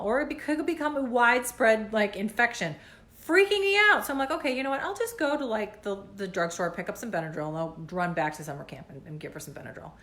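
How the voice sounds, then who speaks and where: A woman in her thirties vlogging as a mom, talking in an anxious, rambling way with many fillers and a runny nose. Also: medium pitch. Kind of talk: casual vlog rant.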